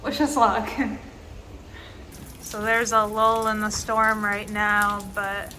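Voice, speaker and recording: Speaking at a medium pitch, a twenty-something vlogger rambles casually about travel, pausing often and leaning on fillers at a slow, steady pace. Her voice bounces around the small tiled public bathroom she's in, and faint noise hums in the background.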